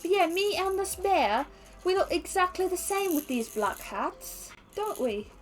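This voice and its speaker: A woman's voice: a little slow, faint music behind. Chatty young Australian woman streaming. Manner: chatty, reads chat aloud, laughs often, animated with pitch jumps. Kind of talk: casual chat while unboxing.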